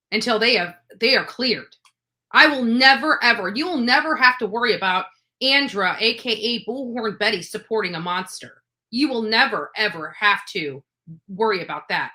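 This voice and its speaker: A woman with a mid-range, sharp-toned voice comments live on true crime cases. Unscripted and opinionated, she sounds emphatic and accusatory, hammering lines through repetition.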